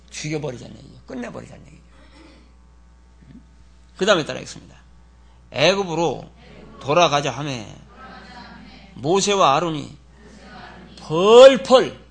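Animated husky-voiced man preaching. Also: a little high. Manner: dramatic, shouts in character then drops to near whispers. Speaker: pastor. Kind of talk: sermon with congregation repeating verses.

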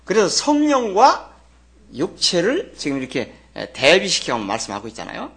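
A male pastor with a high voice and wildly swooping pitch preaches a sermon at normal speed. He has the congregation read along with him, asks rhetorical questions, and leans hard on key words, rising to loud, emphatic stress.

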